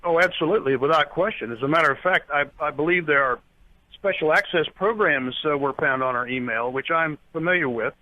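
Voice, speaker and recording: Male caller on a tinny phone line. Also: on the high side. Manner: halting, then firmly agreeing. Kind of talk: talk radio call-in.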